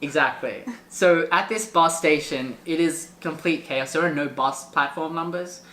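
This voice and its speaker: A man telling a travel story in casual chat, animated and full of filler words. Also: on the high side, normal speed, roomy sound. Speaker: guest storyteller.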